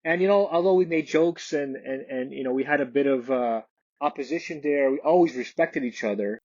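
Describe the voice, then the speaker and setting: A Canadian realtor and investor speaks as a guest in a podcast interview, hesitating and frequently restarting his sentences. He has a medium-pitched, slightly mellow voice and talks a little fast. The audio is dull and has no room sound.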